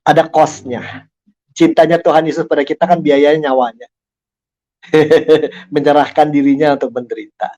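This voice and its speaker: Animated older man, acting out dialogue. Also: fairly high pitch, moderate pace. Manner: animated, acts out quoted dialogue, laughs often. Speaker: guest speaker, lecturer and author. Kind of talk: casual talk show conversation.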